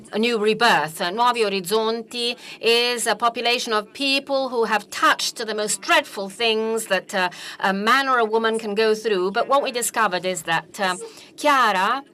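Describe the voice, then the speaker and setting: Bright-voiced woman giving halting religious testimony. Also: medium pitch. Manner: halting delivery with frequent hesitant pauses.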